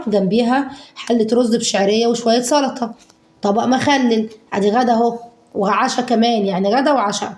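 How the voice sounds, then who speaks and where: A woman with an Egyptian accent, hoarse from a cold, chatting fondly to her viewers about a budget week of home cooking. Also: fairly high pitch, roomy sound. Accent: Egyptian Arabic. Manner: warm endearments to viewers, acts out their questions.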